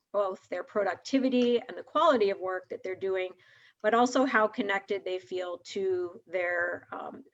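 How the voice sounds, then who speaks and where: A woman from Massachusetts, a guest research director, explaining her work clearly in a casual video call conversation. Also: medium pitch, dull audio.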